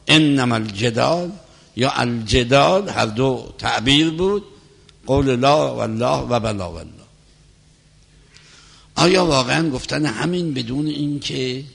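Male cleric, mid pitch, gravelly, measured lecturing delivery; reverberant hall recording. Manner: measured, explanatory lecturing, recites scripture softly. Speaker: cleric teaching religious law. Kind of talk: religious lecture with prayer.

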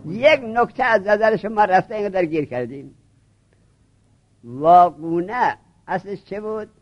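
High-voiced man drilling students. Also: expressive, dull audio. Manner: drilling, repeats questions, prods students. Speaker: teacher. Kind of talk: Arabic grammar lesson, questioning students.

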